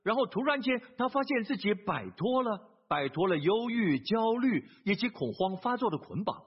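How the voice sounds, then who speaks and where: A man's voice: sits high, big pitch swings, moderate pace, slightly rough. A man preaching a sermon, telling a story earnestly, with hesitant fillers and repeated phrases. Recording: dull lo-fi sermon recording.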